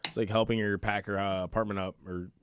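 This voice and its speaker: Blunt, low-voiced, exasperated male co-host. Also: little pitch movement, quick pace, a bit bright, slight background noise. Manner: blunt, exasperated, profane ranting. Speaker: podcast co-host. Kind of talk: casual chat. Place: home room with cats nearby.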